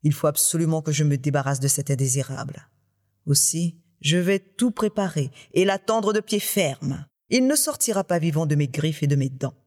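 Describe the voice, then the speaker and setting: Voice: medium pitch, animated, moderate pace, darkish tone, close to an everyday voice. A storyteller voicing a greedy, hot-tempered tiger husband who blusters indignantly in a somewhat raised voice.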